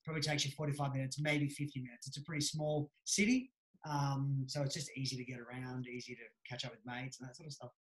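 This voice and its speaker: An Australian judo coach in his thirties, appearing as an interview guest, chats in an easygoing way with plenty of fillers. His mid-range voice holds a steady tone and he talks fast. He's on a webcam video call from a small room at home, and the room sounds echoey.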